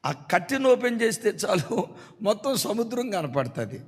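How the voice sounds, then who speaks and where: A man preaching a sermon in a husky, fairly high voice. He tells a story in animated fashion, quoting the people in it and calling on his congregation to answer. His voice rings with a long hall reverb. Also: moderate pace. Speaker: pastor.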